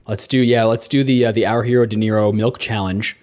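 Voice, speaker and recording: Jokey low-voiced podcast co-host. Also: male voice, steady tone, brisk, darkish tone. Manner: jokey, laughs often. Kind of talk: casual film discussion.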